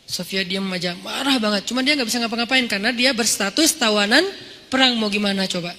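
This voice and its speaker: A man giving a casual, conversational sermon, dropping into softer or raised tones to act out quotes. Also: high-pitched, fast talker, in a large hall. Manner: conversational, mimics tones when quoting. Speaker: Islamic preacher.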